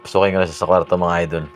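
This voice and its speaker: A man's voice: sits low, slight background noise. A man filming a playful home vlog, teasing and chatty, often stretching his words into sing-song calls. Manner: teasing, playful, repeats "guys" and "idol"; sing-song drawn-out calling. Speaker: vlogger. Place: inside a home.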